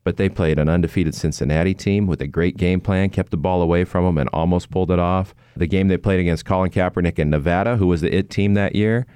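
A man's voice: deep voice, fairly even intonation, fast, hardly any pauses, dark tone, clear, resonant tone, dry recording, clean studio sound. A middle-aged man, a sports announcer telling stories in an earnest, reflective way during an interview. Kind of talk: conversational interview.

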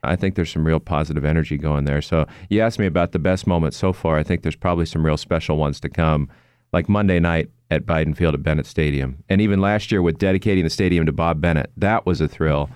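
Middle-aged sports announcer, man, deep and resonant, earnest and reflective as an interview guest. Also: steady tone, quick pace, darkish tone, clear, resonant tone, dry recording, clean studio sound. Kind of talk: conversational interview.

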